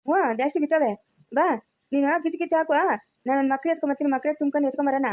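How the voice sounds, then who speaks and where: A woman's voice: high voice, fairly even intonation, racing, warm tone, close to an everyday voice. A woman acting as a pestering village sister, wheedling and tattling to her mother in rural Kannada dialect. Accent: Kannada, Chikkaballapur rural dialect.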